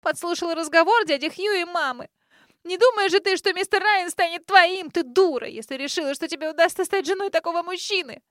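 Brief: screaming, bitter young woman, very high, shrill, audiobook. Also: normal speed, hardly any pauses, pushed and bright, dry recording, clean studio sound. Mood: hysterical, screaming. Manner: screaming, accusing. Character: hysterical young woman, spiteful, shrieking.

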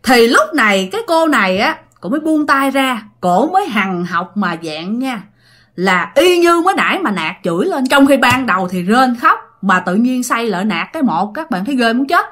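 A woman's voice: a little high, sing-song, normal speed, fairly bright tone. A woman with a Southern Vietnamese accent telling a ghost story in a chatty, dramatic way, talking straight to her listeners.

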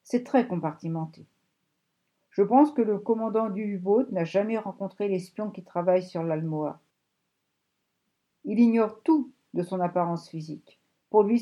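A woman's voice: medium pitch, warm tone, close to an everyday voice. A woman reading an audiobook, voicing a scheming old German ex-soldier in an urgent, raised tone.

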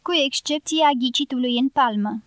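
A woman's voice: high voice, fairly bright tone, dry recording. A woman reading a skeptical young man's thoughts. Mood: musing. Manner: wry, reasoning inner monologue. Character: young American man, dry and skeptical.

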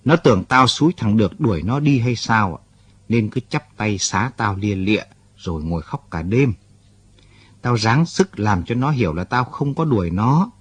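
A man's voice: fairly low pitch, lively intonation, normal speed, slightly rough, no echo. A man voicing an older rural man who is blunt but kind-hearted. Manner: scolding yet fatherly, talks bluntly.

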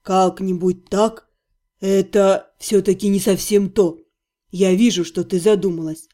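A woman voicing a quiet, patient older male healer in an audiobook, speaking softly and calmly. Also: mid-range voice, measured pace, pitched below the performer's own voice, natural voice. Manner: quiet, patient, near-whisper. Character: calm older male healer, soft-spoken.

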